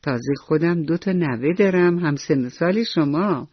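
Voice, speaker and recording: A woman voicing a kind, lonely old grandfather who speaks softly and slowly. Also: deep voice, slightly rough, no echo. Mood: gentle. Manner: soft, slow and gentle. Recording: dull lo-fi radio recording.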